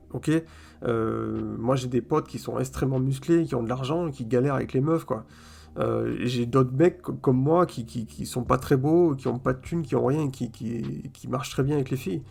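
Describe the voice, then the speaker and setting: A man vlogging a casual opinion monologue straight to his viewers, colloquial, stumbling over repeated words and filling pauses with "euh", checking in with "ok?". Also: medium pitch, gravelly. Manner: addresses viewers directly, "si vous voulez", "ok?".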